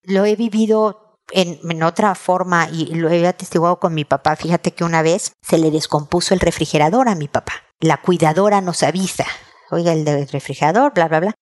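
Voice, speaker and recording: A middle-aged woman with a Mexican Spanish accent, hosting an advice podcast and talking gently and directly to her listener. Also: lowish voice. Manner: gentle, conversational, talks straight to the listener. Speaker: advice show host.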